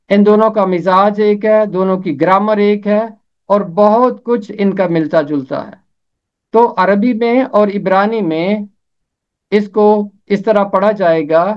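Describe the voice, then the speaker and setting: A man teaching a pronunciation lesson, slowly spelling out vowel marks and repeating each name. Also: high voice, smooth. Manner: slow, careful spelling out of diacritics and repeated names. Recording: dull lo-fi recording.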